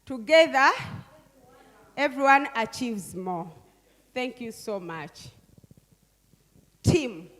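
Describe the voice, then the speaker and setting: A woman's voice: fairly high pitch, lively intonation, slow pace, long pauses, fairly bright tone. An older woman leading a group workshop, coaxing and directing people with frequent questioning tags. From Uganda. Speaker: workshop facilitator. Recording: long hall reverb.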